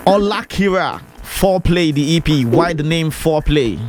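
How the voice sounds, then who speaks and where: A man's voice: a little high, expressive, moderate pace. A man with a Nigerian Yoruba accent interviewing a guest as host, talkative and emphatic, repeating words for weight. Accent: Nigerian Yoruba-influenced. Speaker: interviewer, music show host. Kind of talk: conversational music interview. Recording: music playing behind the voice.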